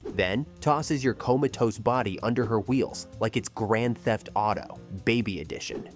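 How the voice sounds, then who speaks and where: A man's voice: on the low side, moderate pace, soft background music. A man narrating a commentary video in a sarcastic, dramatic scripted style. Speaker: YouTube commentator.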